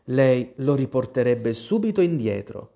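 A man's voice: medium pitch, big pitch swings, measured pace, creaky, warm tone. A man voicing an earnest, apologetic young girl in a storybook reading. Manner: eager, pleading.

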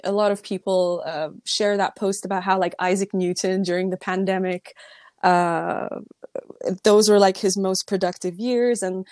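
A young woman from the Middle East or North Africa, chatting in a relaxed, reflective way with frequent ums and likes. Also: medium pitch, normal speed, no echo, clean studio sound. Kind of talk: casual chat.

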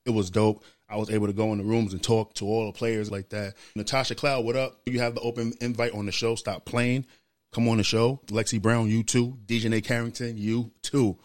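Brief: young male podcast co-host, animated and slangy, lowish voice, dry sound. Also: fairly quick, dry recording. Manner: animated storyteller, slangy and laughing. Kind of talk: casual podcast chat.

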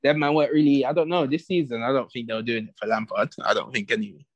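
A man's voice: medium pitch, fairly even intonation, fast, dry recording, dull audio. A young man with a London roadman accent, debating football casually in street slang. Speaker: football podcast panellist.

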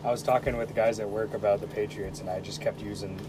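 A man's voice: lowish voice, fairly even intonation, fast, background noise. A man co-hosting a podcast, crude and jokey, often laughing as he talks. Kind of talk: casual profane chat.

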